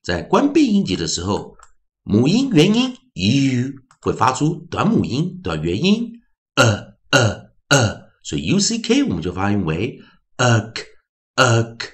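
A male English phonics teacher giving a classroom lesson, slowly repeating each sound and word in drills with a lively, teacherly pitch. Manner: slow drilled repetition of sounds.

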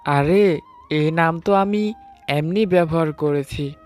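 This storyteller speaks at a fairly high pitch with a smooth, darkish tone and an unhurried pace. Playing a loving, playful husband, he narrates a dramatized first-person love story over a layer of music.

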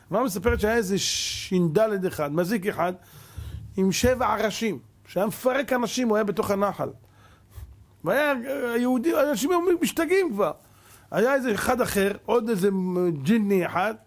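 High-pitched impassioned rabbi. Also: male voice. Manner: impassioned, swings between loud exhortation and hushed asides. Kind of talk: sermon.

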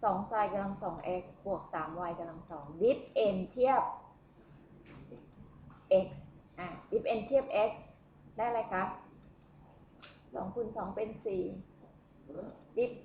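A woman's voice: medium pitch, slow, long pauses. A woman lecturing at a university on math, who keeps asking the class questions as she works through the steps. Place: lecture room. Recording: echoey room, tinny phone-like sound, faint noise.

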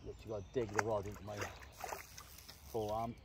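This thirtysomething angler talks fast in a fairly low, level voice, giving informal fishing commentary in quick bursts for his fishing guide. It's a casual vlog shot outdoors on a wooded lake bank, with nature sounds plainly audible.

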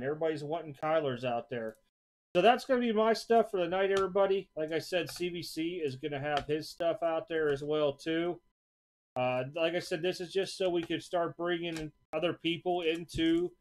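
Easygoing man showing trading cards. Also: fairly high pitch. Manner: easygoing, rambling, repeats words. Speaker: sports card seller hosting an auction preview. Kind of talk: casual card showcase narration. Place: home card room, indoors.

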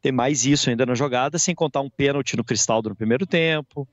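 Gaúcho reporter on a dull remote feed. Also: male voice, mid-range voice, fast talker, no room sound. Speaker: pitchside reporter. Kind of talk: live football post-match talk.

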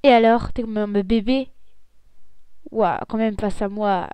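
A woman's voice: mid-range voice, steady tone, unhurried, warm tone, clean tone, dry recording, natural voice. A woman voicing a dismissive, snappy eighteen-year-old big sister in a Roblox role-play. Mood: mocking. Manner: snappy, dismissive, brushes people off.

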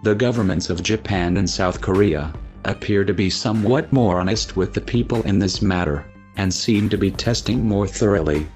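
A man's voice, disguised and pitched down by a voice changer until it sounds very deep. He reads a scripted anonymous statement in a steady, grave, accusing tone. Faint music plays underneath. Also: moderate pace, hardly any pauses. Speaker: anonymous narrator.

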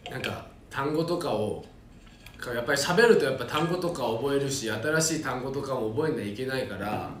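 A young man from Japan on a livestream, casually reading fan comments aloud and answering them in a relaxed, playful way. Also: mid-range voice, brisk, reverberant, a little hiss or hum. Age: young adult.

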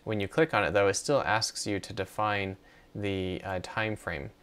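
A middle-aged man presents a tutorial, narrating an on-screen walkthrough in a casual, conversational way with some hesitation as he explains. His voice sits on the low side yet is a bit bright, clear and resonant. He keeps fairly even intonation at a normal speed.

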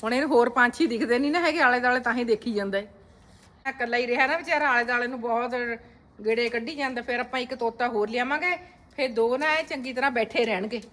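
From her family home with a courtyard, a woman chats casually with her viewers as a vlogger. She talks at a quick pace in a fairly bright voice that sits on the high side.

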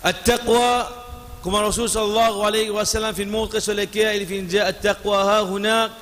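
A man's voice: high voice, little pitch movement, a bit bright. A middle-aged man giving a Friday sermon, stretching out words for emphasis and weaving in Arabic recitation. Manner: slow, drawn-out emphasis mixing Arabic recitation into French. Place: large mosque hall, standing at pulpit. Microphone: stand microphone. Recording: long hall reverb.

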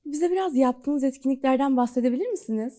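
A woman host with a slightly high, warm and mellow voice. She puts polite, inquisitive questions to her guests in an even, friendly interview manner. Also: fast talker. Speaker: program host.

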